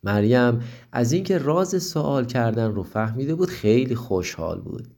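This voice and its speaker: Mellow-voiced man telling a children's story. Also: medium pitch, lively intonation. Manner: gentle, addresses the young listener directly.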